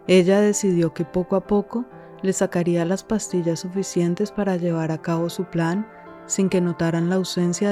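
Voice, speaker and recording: A woman reading scripted podcast narration in a measured, calm way. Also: on the low side.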